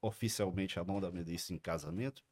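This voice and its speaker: A man with a Cearense accent, telling casual anecdotes as a lively storyteller with big pitch jumps. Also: quick pace. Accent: Cearense Brazilian Portuguese. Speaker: podcast guest, son-in-law of the judge.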